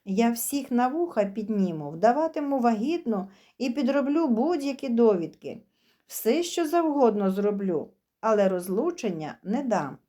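A woman's voice: a little high, very animated, normal speed, mellow. A woman voicing a spiteful, vengeful young wife in a spoken story, with a mocking, sneering manner. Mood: defiant.

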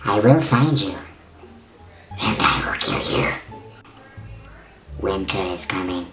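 Man, twenties, squeaky helium voice, theatrical movie quotes, wildly varied pitch, faint music behind. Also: animated, slow pace, fairly bright tone. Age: 20s. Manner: exaggerated, theatrical delivery. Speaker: vlogger doing a challenge. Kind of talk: reciting famous movie quotes. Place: bedroom, indoors. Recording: roomy bedroom sound.

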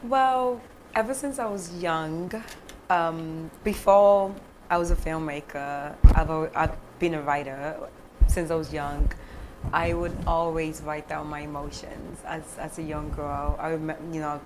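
There's noise in the background as the young Ghanaian filmmaker, a guest on a studio sofa, chats in a low voice, a little slow. The interview feels relaxed; she laughs a lot between thoughts and moves her hands animatedly.

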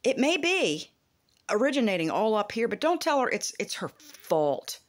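A woman's voice: medium pitch, sing-song, normal speed. Rambling, foul-mouthed woman in her fifties. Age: 50s. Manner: rambling, profane, emphatic. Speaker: vlogger. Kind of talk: casual self-help monologue.

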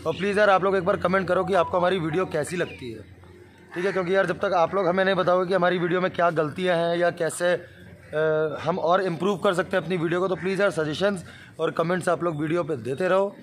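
Hoarse young man vlogging outdoors. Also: sits high, fairly even intonation, fast, a little hiss or hum, poor audio. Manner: chatty, friendly, repeats filler words. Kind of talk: casual vlog chat. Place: outdoors at a hospital grounds.

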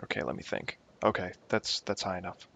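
Low-voiced man rambling over gameplay. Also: a little fast, creaky, fairly bright tone. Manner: rambling, self-mocking, talks to himself while playing. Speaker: gaming YouTuber. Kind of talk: casual gameplay commentary. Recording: dull lo-fi home recording.

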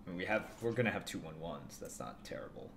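A man's voice: low-pitched, very animated, fast, creaky, fairly bright tone, slight background noise. A man casually talking through a card game with a friend, dry and laid-back. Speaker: co-host streamer. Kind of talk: casual gameplay chat.

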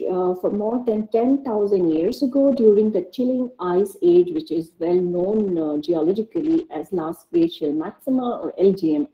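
A woman with an Indian English accent giving an online lecture, reading through slides in a measured way with the odd filler and restart, over a computer mic on a video call. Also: mid-range voice, narrow, tinny audio.

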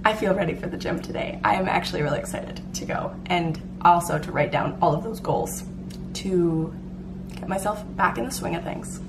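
A woman's voice: lowish voice, moderate pace, distant mic, background noise. A woman in her twenties chatting casually into a handheld camera in her living room, with lots of "like" and "um" fillers. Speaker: fitness vlogger. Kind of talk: casual vlog chat. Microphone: handheld camera at arm's length.

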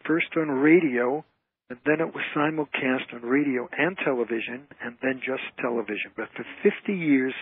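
Over a narrowband, phone-like radio line, a guest entertainer gives an interview full of stories and explanation. His mid-range voice moves at a moderate pace with a breathy edge and no echo.

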